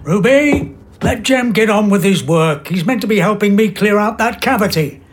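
A man's voice: high voice, expressive, moderate pace, slight background noise. An actor playing a fussy, jolly and slightly pompous stepfather, keen on home restoration. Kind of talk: drama acting.

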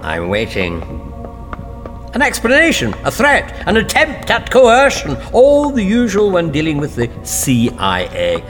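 An actor playing a wry, eccentric, stubborn adventurer in an audio drama, theatrical and sardonic. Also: male voice, sits high, wildly swooping pitch, unhurried, fairly bright tone, soft background music, exaggerated voice. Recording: long echoing reverb.

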